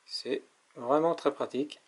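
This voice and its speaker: A man's voice: on the high side, measured pace, slightly rough. A man giving a casual hands-on product demonstration as a tech reviewer, explaining step by step with frequent hesitations.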